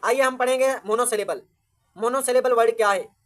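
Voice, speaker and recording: A woman teaches grammar in a fairly high voice. She works through each point by asking a question and then answering it herself. English definitions come out slowly and with care. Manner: slow, deliberate reading of English definitions. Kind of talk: classroom-style grammar lesson.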